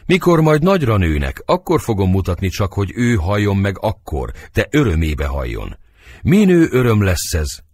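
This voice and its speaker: A man voicing a gentle, earnest nobleman in an audiobook reading of a play. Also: on the low side, huge pitch swings, husky, no echo, full character voice.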